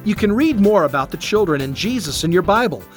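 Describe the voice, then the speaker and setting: A man narrating a children's story and then speaking directly to young listeners, with an animated storybook delivery. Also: high voice, a little fast, faint music behind. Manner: animated, warm storybook reading. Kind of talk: scripted narration for kids.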